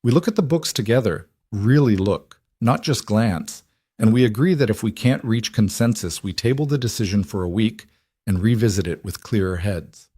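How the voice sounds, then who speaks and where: A man voicing a warm-hearted young ranch cook woman, speaking earnestly and firmly. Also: fairly low pitch, moderate pace, slightly rough, dry recording.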